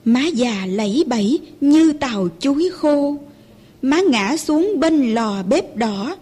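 A woman reciting poetry with measured, dramatic declamation. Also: high-pitched, expressive, warm tone, slightly rough.

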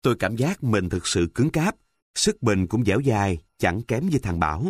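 A man narrating a story in a calm, measured, descriptive reading. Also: on the low side, breathy edge, dry recording.

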